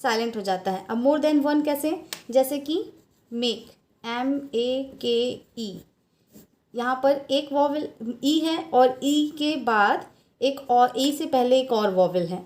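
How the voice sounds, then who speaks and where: Indian woman English teacher, higher voice, unhurried phonics explainer. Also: a little mellow. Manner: slow, patient explaining, spelling out letters. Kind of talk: phonics lesson for students.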